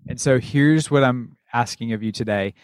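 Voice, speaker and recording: A man's voice: mid-range voice, moderate pace, clean tone, no room sound. An American man co-hosting a podcast in an informal, enthusiastic and conversational way. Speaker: podcast co-host.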